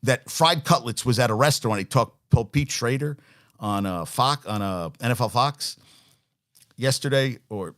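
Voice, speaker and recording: A man's voice: medium pitch, moderate pace, a bit bright. A man hosting a sports talk show, ranting bluntly and profanely with opinionated swings. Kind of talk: casual opinionated sports rant.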